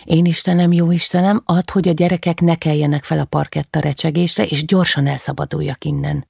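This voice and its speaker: A woman reading a first-person novel aloud as an audiobook, calm and measured, in short clipped sentences. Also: deep voice, vocal fry, slightly rough, dry recording, clean studio sound. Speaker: audiobook reader.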